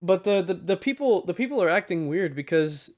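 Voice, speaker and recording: A man co-hosting a podcast in casual chat, laid-back and quick to laugh as he retells a story. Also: high-pitched, animated, darkish tone. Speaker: podcast co-host.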